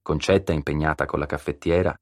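Brief: very deep male audiobook narrator, measured and steady, dry close studio mic. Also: dry recording. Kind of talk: scripted narration.

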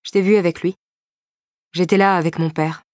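A woman's voice: fairly low pitch, steady tone, normal speed, a little mellow, no room sound, clean studio sound, natural voice. Female reader doing a jealous boyfriend, cutting and cold, storybook voice. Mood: resentful. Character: jealous, bitter young boyfriend, male.

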